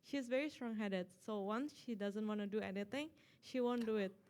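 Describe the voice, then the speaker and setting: A woman's voice: mid-range voice, moderate pace, a little mellow. A woman, the mother of a two-year-old, describing her strong-willed daughter in English at a seminar. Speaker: mother asking a question. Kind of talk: casual question from the audience.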